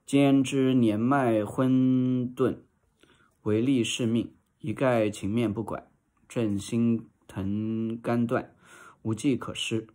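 A man reading a classic novel aloud as audiobook narration in a steady, measured way. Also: mid-range voice. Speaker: reader.

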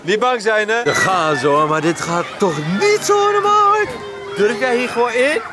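Animated, high-voiced man vlogging outdoors. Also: normal speed. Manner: playful, repetitive urging of children. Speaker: parent vlogger filming a family day out. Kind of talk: casual vlog chat. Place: outdoors in an amusement park. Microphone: handheld camera. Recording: crowd and music behind.

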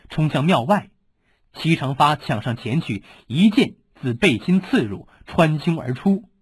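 A man reads a martial-arts audiobook with animated, lively storytelling. His voice is husky, recorded dry and close. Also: fairly high pitch, dry recording. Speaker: audiobook narrator. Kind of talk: scripted narration.

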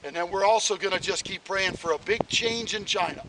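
A man's voice: high-pitched, a little fast. A man outdoors in a park, earnestly speaking to a stuffed toy as if it answers, with repeated affirmations. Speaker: vlogger addressing a toy companion. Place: outdoors in a wooded park by a sign. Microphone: camera several feet away. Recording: distant camera mic with loud wind noise.

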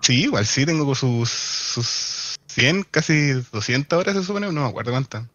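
A man chatting casually as a guest over voice chat, low-key and mumbling. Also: expressive, normal speed, fairly bright tone, muffled recording.

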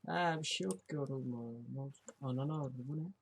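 Jumpy young man, husky voice. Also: on the high side, fairly even intonation, quick pace. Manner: jumpy, swearing, thinking aloud to viewers. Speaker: gamer playing a horror game. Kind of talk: let's play commentary.

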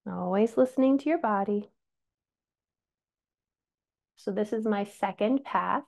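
A middle-aged woman guiding chair yoga in a soothing, gentle instructor's manner with a creaky voice. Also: mid-range voice. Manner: soothing, gentle yoga-teacher delivery, unhurried cues. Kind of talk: guided yoga instruction, calling breaths and movements. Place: small indoor room at home. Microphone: video call, a few metres from the camera. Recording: dull lo-fi video-call audio.

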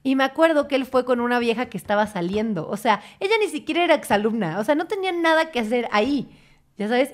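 A young woman with a Mexican Spanish accent, hosting a podcast and telling stories in a casual, animated way, acting out quotes. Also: a little high. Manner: animated, swearing, acts out quotes. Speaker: podcast host. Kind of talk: casual chat.

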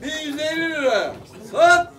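A middle-aged man working as an auctioneer, calling and repeating prices loudly and emphatically. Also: very high-pitched, expressive, a little slow. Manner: loud, emphatic shouted sale calls. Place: indoor poultry auction hall. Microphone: distant camera. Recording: echoey, far from mic, noisy birds and crowd.

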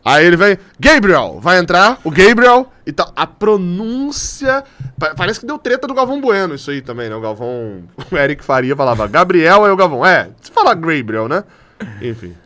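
Um homem na casa dos trinta com sotaque carioca, apresentando um podcast de futebol por chamada de vídeo de casa, brincalhão e cansado. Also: male voice, sits high, normal speed. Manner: joking, animated, imitates others. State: tired. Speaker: podcast host. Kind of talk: casual football podcast chat. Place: home room.

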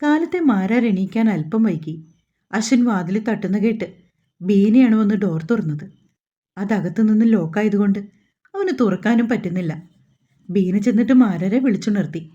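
Chatty woman storyteller, mellow dark husky voice, dull lo-fi recording. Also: medium pitch, animated, normal speed. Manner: chatty, addresses listeners directly. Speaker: audiobook author and narrator. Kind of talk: storybook narration.

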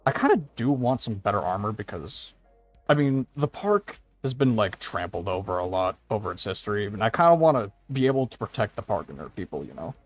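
A man's voice: fairly low pitch, very animated, brisk. A man playing a game and bargaining in casual improvised role-play, with a hesitant, understated manner.

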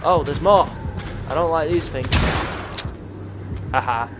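A man giving gameplay commentary, excitably talking to himself and to the enemies as he plays. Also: on the high side, slow, noisy background. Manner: excitable, talks to himself and the enemies while playing. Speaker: gaming video creator.

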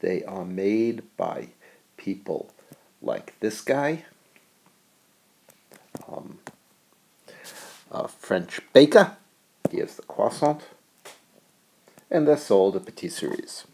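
A man's voice: fairly low pitch, takes it slowly, creaky, pauses often, breathy edge. A middle-aged man, an economics professor, giving a recorded video lecture in a playful, jokey way. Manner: playful, animated, jokey asides. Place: US college.

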